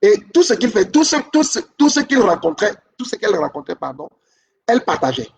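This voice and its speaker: A man with a notably high voice gives relationship advice in a steady, instructive talk. He drives points home by repeating them and keeps pausing to check that listeners follow. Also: vocal fry, far from the mic.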